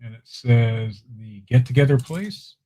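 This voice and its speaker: At a measured pace, a mid-range male voice hosts an easygoing live-stream auction, presenting items and calling bids. He keeps up relaxed, friendly chatter with viewers in the chat.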